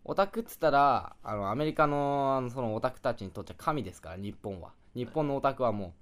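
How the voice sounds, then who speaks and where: A man in a casual podcast chat who rattles through his points at a quick clip. His pitch swings widely as he gets worked up. He rambles and laughs his way through his explanations. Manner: rambling, animated, laughs often while explaining. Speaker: podcast co-host.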